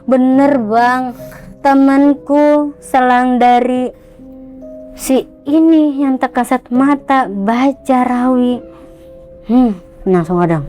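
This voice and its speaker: A young woman excitedly telling a ghost story, acting out the voices of the people in it. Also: on the high side. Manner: excited, animated, acts out quotes. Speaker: guest storyteller.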